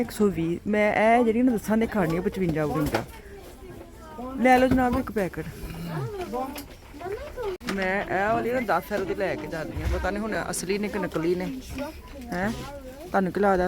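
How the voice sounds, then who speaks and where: A woman's voice: mid-range voice, brisk, pauses often. A woman with a Punjabi accent chatting casually as a vlogger, in an exclaiming, chiding and teasing manner. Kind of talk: casual chat. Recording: noisy car and outdoor ambience. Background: vehicle and street noise.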